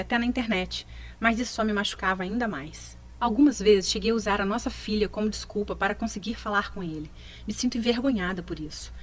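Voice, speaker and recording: A woman in her thirties reading a scripted first-person story in a slow, sorrowful, confessional way. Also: medium pitch. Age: 30s.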